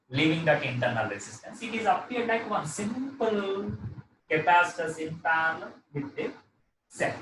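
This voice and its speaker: South Indian accent, male teacher, questioning and repetitive, highish voice, distant mic, noisy background. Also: reverberant. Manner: repeats phrases, often tags with "okay". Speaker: physics teacher. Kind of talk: live lesson, working through problems and questioning a student.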